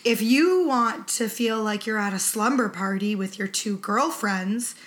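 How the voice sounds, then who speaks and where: A woman's voice: mid-range voice, measured pace, a bit bright. Female casual podcast host, flu-sick voice, conversational delivery. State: sick with flu-like illness affecting her voice. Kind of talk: casual chat.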